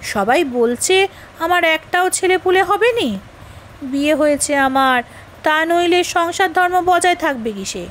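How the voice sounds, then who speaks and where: A woman reading the part of a simple, devoted young village wife who speaks softly and earnestly. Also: extremely high pitch, expressive, measured pace, slight background noise, full character voice. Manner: soft, earnest and plain-spoken.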